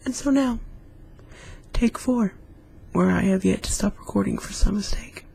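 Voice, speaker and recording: A man's voice: high voice, moderate pace, gravelly, dark tone, a little hiss or hum. A man casually reading scary stories aloud, with chatty, rambling asides between them. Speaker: YouTube storyteller.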